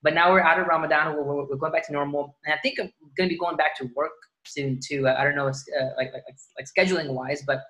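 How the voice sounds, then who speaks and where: Bright, sharp-toned man from Dallas in his thirties, rambling casual podcast guest. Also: on the high side, fairly even intonation, fast talker, few pauses. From Dallas, Texas. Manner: rambling, many restarts and fillers.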